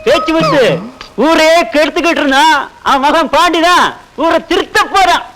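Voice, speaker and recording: A blunt villager with a very high voice. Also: male voice, steady tone, normal speed, sharp tone, soft background music, rough recording. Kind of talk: comedy film dialogue.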